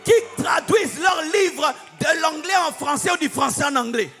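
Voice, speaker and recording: A man preaching a sermon as pastor, often shouting and slipping into sing-song. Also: very high voice, lively intonation, moderate pace, some chatter behind. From DR Congo. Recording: echoey hall with faint music.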